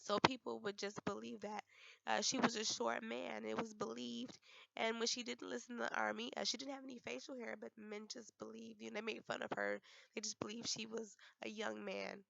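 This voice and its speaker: A young woman, hoarse from a cold, giving a class presentation with frequent ums and restarts. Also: a little high, fairly bright tone, no room sound, muffled recording. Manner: halting, many ums and restarts. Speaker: student presenter.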